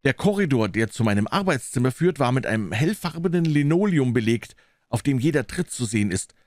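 Lively man reading a story. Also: mid-range voice, fairly quick, dry recording, clean studio sound. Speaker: audiobook reader. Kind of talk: first-person story narration.

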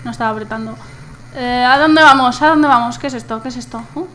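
A woman from commenting as she plays a video game, excitable, squealing and humming to herself. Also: a little high, fast talker, a little hiss or hum. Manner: excitable, squeals and shouts at surprises, hums to herself. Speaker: gameplay commentator. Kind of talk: gameplay commentary.

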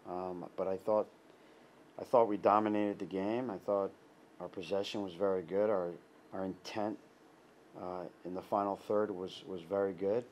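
A middle-aged man, a head soccer coach, giving a halting post-game interview full of restarts and fillers. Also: low voice, steady tone, a little mellow, slight background noise. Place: indoor press backdrop. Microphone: clip-on lapel mic.

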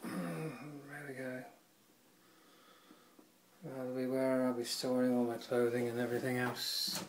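A man giving a relaxed, offhand walkthrough of his boat, pausing with the odd uh, recorded on a handheld camera in a shed and a small cabin. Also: mid-range voice, slight background noise, low-quality recording. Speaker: boat owner giving a tour. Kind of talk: casual walkthrough narration. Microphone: handheld camera or phone.

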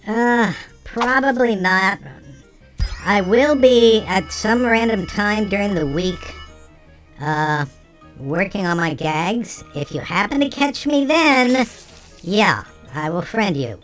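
A game streamer talking through a voice changer that shifts the pitch, chatting casually with viewers while playing. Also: lively intonation, slow pace, fairly bright tone, faint music behind. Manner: chatty, talks to chat between game actions. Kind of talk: casual let's-play chat with viewers.

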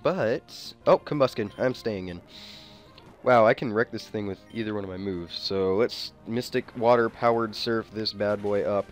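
Low-voiced man doing casual game commentary. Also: normal speed. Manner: informal, slangy, thinking aloud. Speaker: gamer commentating a playthrough. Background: video game music.

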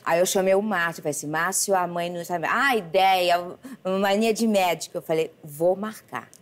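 A middle-aged woman, a guest in a casual interview, talking haltingly with repeated words and acting out quoted dialogue. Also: on the low side. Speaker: celebrity guest.

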